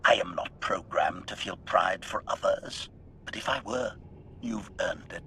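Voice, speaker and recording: An actor voicing a smooth-talking male combat android, cold and condescending, with precise machine diction, in game audio with music behind. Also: low-pitched, measured pace, pushed and bright, slight background noise. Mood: cold, mocking. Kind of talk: video game character dialogue.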